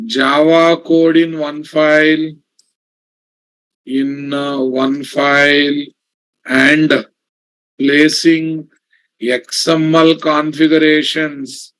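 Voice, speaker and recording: This programming instructor, a man with a Telugu Indian English accent, gives a live class, dictating slowly in repeated phrases and pausing to check in with questions. His voice is a little high and fairly bright, and the recording quality is low.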